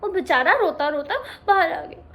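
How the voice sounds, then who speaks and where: A woman's voice: extremely high pitch, animated, moderate pace, a bit bright. A woman narrating a children's story expressively, asking her young listeners questions.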